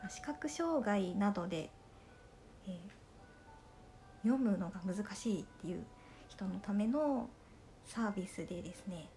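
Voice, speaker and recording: A woman with a Kansai accent talks in a gentle, polite, chatty way, hosting her own podcast. Her voice is soft and mellow at an ordinary middle pitch, with faint music playing underneath. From Okayama, Japan. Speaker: podcast host reading listener letters. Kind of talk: casual solo podcast chat.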